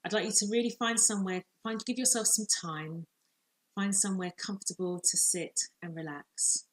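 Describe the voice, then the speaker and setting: Husky woman guiding a slow meditation. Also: medium pitch, steady tone, poor audio. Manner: slow, soothing, measured instructions with long pauses. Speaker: life coach. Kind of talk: guided visualisation meditation.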